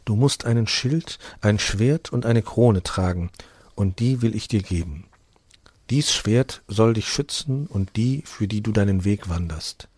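A man voicing a serene, divine queen of a far-off realm, speaking calmly, solemnly and tenderly in a fairy tale reading. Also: lowish voice, unhurried, breathy edge, no room sound.

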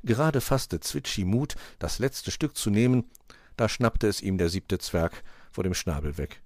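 A male narrator reading a children's fairy-tale audiobook. His delivery is expressive, with a lively rise and fall in pitch. The recording is close and dry. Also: measured pace, dry recording. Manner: expressive storytelling.

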